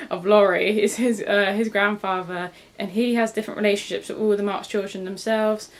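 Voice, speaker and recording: A woman's voice: mid-range voice, steady tone, measured pace. Chatty young woman reviewing books. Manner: rambling, self-correcting, laughs often. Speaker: book vlogger. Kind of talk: casual book review chat.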